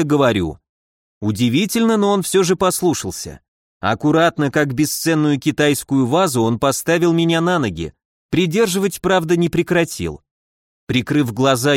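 A man's voice: fairly high pitch, no echo. Man narrating a story, dry close sound. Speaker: audiobook narrator. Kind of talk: scripted first-person narration.

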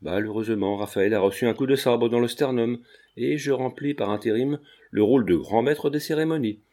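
A man's voice: mid-range voice, fairly quick, dark tone, close to an everyday voice. Male narrator as a mocking young wit, grandiloquent and teasing, storybook. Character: witty mocking young man, a joker.

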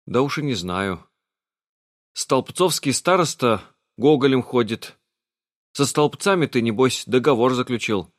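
A man's voice: medium pitch, expressive, unhurried, dry recording, clean studio sound, close to an everyday voice. A man reading an audiobook, voicing a stubborn, gloomy village man who grumbles sullenly. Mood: grumbling.

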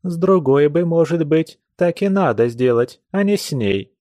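A man's voice: expressive, measured pace, mellow, no echo, studio quality. A man reading an audiobook, voicing a stern, fussing old grandmother who scolds. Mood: scolding. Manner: scolding, raised higher voice.

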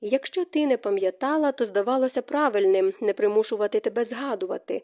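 A woman voicing a gentle, remorseful middle-aged stepmother who speaks softly and tearfully. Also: on the high side, quick pace, natural voice. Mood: sorrowful. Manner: soft, hushed, tearful delivery.

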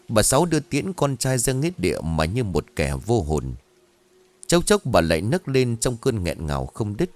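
A man narrating a scripted ghost story in an expressive, dramatic storytelling manner. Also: fairly low pitch, no echo. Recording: dry close studio voice over faint music.

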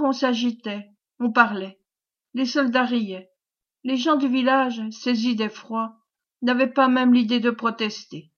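A woman narrating a classic novel as an audiobook, measured and expressive. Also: a little high, dull audio. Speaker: audiobook reader.

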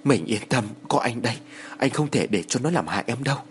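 A man's voice: mid-range voice, lively intonation, a little fast, a little hiss or hum, natural voice. A man playing a desperate, defiant husband. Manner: shouting threats, fierce yet desperate. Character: frightened husband defending his wife from a ghost.

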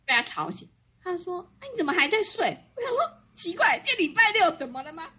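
A woman co-hosting a casual chat, telling her stories animatedly and mimicking others in a high voice. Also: very animated, quick pace, sharp tone. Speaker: podcast co-host. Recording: dull lo-fi sound.

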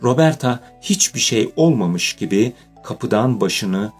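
A man narrating a children's audiobook in a steady, measured storytelling style. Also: mid-range voice, husky, faint music behind. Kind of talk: scripted narration.

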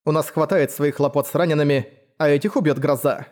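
A man doing a hoarse commanding young woman. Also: on the high side, fairly even intonation, fairly quick, lightly acted. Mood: weary. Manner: hoarse urgent shouting.

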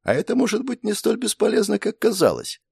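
A man voicing a brisk, mocking young woman who is a player in a game world, in an audiobook. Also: high-pitched, huge pitch swings, gravelly, darkish tone, husky, no echo, clean studio sound, voice pushed up, full character voice. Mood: teasing, brisk. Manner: snappy, teasing, exclamatory.

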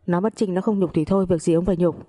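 A woman's voice: lowish voice, steady tone, rapid-fire, natural voice. A woman reading a foul-mouthed old mother-in-law. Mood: scornful. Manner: crude shouting insults.

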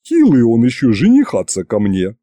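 A man voicing a formidable stout woman chief accountant, gruff and domineering, with blunt folksy speech and a booming manner. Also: huge pitch swings, moderate pace, dark tone, no room sound. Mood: gruff, bossy.

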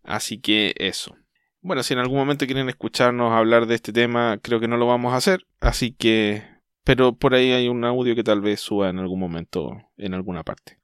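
A Chilean man hosting a podcast in casual chat, talking thoughtfully and often pausing to restart his sentences. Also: medium pitch, fairly even intonation, clean tone, no room sound, clean studio sound. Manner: thoughtful, hesitant, trails off and restarts mid-thought. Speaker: podcast host.

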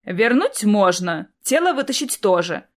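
A weary otherworldly man who grumbles and complains before giving in, as a female reader plays him. His voice stays at a middle pitch. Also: very animated, measured pace. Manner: plaintive, reluctant.

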